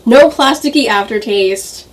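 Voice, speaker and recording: A woman who is a guest on a casual taste-test vlog, chatting easily and giving quick opinions. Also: on the high side.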